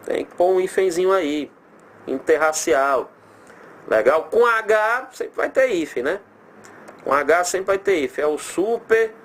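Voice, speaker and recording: Animated Brazilian male teacher. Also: high voice. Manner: animated, drawls example words slowly, asks rhetorical questions. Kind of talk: recorded grammar lesson.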